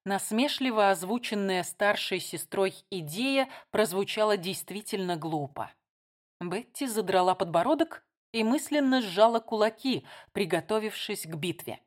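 A woman's voice: mid-range voice, lively intonation, moderate pace. Woman reading a novel aloud. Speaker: audiobook narrator. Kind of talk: scripted narration.

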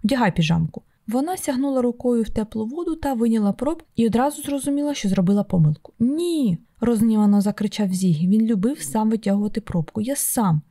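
A woman narrating an audiobook in a steady, measured storytelling voice. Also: a little high, no echo, studio quality. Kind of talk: scripted narration.

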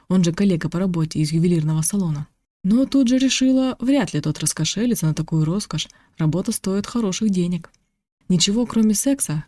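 Steady, mellow audiobook narrator. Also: mid-range voice, no room sound. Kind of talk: scripted narration.

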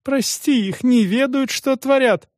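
A man's voice: animated, unhurried, dry recording, clean studio sound. A man doing a wailing meek priest. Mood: pleading. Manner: high, wailing pleas. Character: pleading village priest, anxious and meek.

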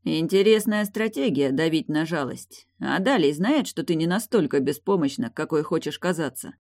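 A woman's voice: low voice, animated, moderate pace, darkish tone. A woman voicing a hungover, sardonic man who talks drily and mockingly, in an audiobook. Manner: dry, mocking.

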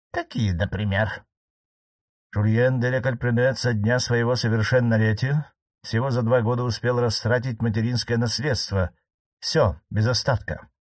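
A man's voice: medium pitch, normal speed, darkish tone, no room sound, lightly acted. A man reading an audiobook, voicing an earnest young investigating judge who grows unsettled.

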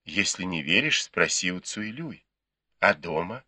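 A man voicing a proud, quick-tongued young noble lady in an audiobook, reproachful and teasing. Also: low-pitched, animated, bright, forceful tone, no echo, exaggerated voice. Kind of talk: audiobook character reading.

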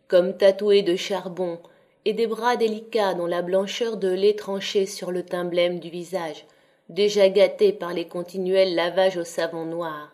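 A woman reading a classic novel as an audiobook in a steady, measured voice of middle pitch. Her delivery is calm and descriptive, dwelling evenly on each detail of the scene. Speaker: audiobook reader.

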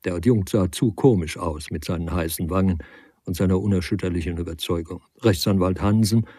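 Older male audiobook narrator, low mellow voice, dry studio. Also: breathy edge, no room sound. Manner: measured, calm storytelling. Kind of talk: literary audiobook reading.

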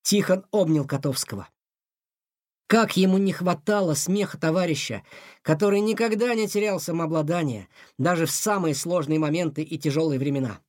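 A man narrating a children's adventure story in an expressive, dramatic reading. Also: a little high, normal speed, no echo, studio quality.

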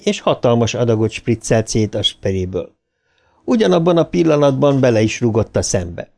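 A man reading a horror novel aloud as an audiobook narrator, with dramatic lifts of pitch at tense moments. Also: darkish tone.

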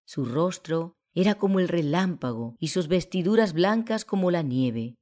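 A woman narrating a religious audiobook in a solemn, measured way. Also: fairly low pitch, animated, warm tone.

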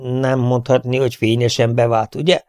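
A man voicing a small, eager elderly English lord who talks in high, excitable exclamations. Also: dry recording, studio quality, close to an everyday voice. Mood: wry.

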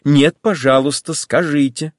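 A man reading an audiobook voices an impulsive young woman, pleading and agitated, in a lively character voice. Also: fairly high pitch, a little slow, no echo, clean studio sound, voice pushed up, lightly acted.

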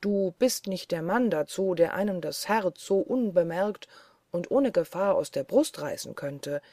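A woman's voice: lowish voice, lively intonation, unhurried, warm tone, no room sound, clean studio sound. A woman reading the lines of a cunning, cold-hearted young male charcoal burner who taunts scornfully. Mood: taunting.

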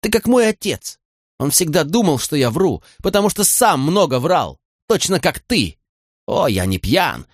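A man's voice: fairly high pitch, no echo, clean studio sound, voice pushed up. A man voicing a proud young woman who is hurt and angry, speaking in a raised, reproachful voice.

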